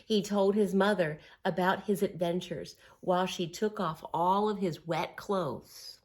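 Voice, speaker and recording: A woman with a fairly low voice reads a picture book to young children without hurrying. She phrases things simply and encouragingly, adds expressive emphasis, and pauses for small asides and questions.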